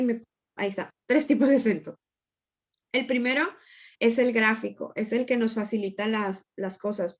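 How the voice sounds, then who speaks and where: A woman teaching an online grammar lesson, explaining patiently and checking in with students often. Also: on the high side.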